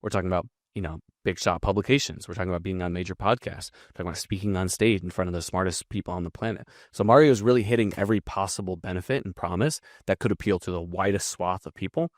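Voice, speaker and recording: A man's voice: low-pitched, fast, hardly any pauses, no echo, clean studio sound. A man teaching copywriting in a casual breakdown, talking bluntly and swearing freely. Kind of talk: casual screen-share breakdown.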